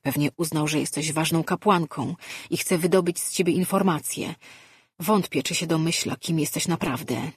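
A cautious male sorcerer who thinks things through aloud, played by the narrator. His delivery is steady and reasoning. The sound is husky and dry. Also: a little high, normal speed, dry recording. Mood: thoughtful.

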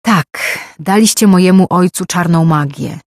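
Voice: medium pitch, normal speed, a little mellow, no room sound, clean studio sound, natural voice. A reader voicing a young male mage, an earnest envoy who argues and pleads his case in an audiobook. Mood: measured. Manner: pleading, argumentative.

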